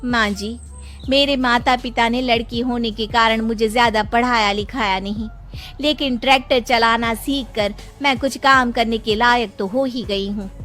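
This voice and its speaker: A woman voicing a dutiful, resolute young village daughter-in-law in a Hindi animated moral story, respectful and earnest. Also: a little high, unhurried, faint music behind.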